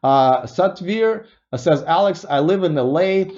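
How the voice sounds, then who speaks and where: A man's voice: on the high side, expressive, unhurried, a little mellow, lo-fi sound. A man from Russia hosting an electric car news stream, casually reading viewer comments and thinking aloud with restarts and musing asides.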